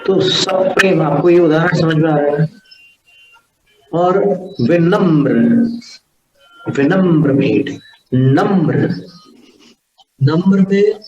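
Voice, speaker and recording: A man teaching Sanskrit pronunciation in a lecture, sounding out syllables slowly and deliberately. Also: a little high, a little mellow. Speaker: religious teacher. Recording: echoey, distant, dull lo-fi sound.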